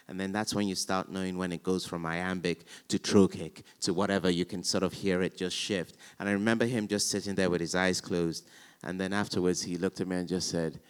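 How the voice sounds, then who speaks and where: A man with a low voice spins a theatre anecdote for a live audience. He tells it with energy and taps out the beat of the verse as he goes. A long reverb from the hall hangs on his words. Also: clear, resonant tone. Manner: animated storyteller, chants verse rhythms aloud. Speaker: actor. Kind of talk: panel conversation, anecdotal.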